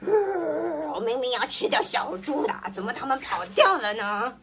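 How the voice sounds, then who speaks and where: A woman's voice: sits high, big pitch swings, moderate pace, a bit bright, a little hiss or hum, heavily acted. A woman voicing a sly, greedy male big bad wolf in a children's story, gloating with a laugh. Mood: puzzled.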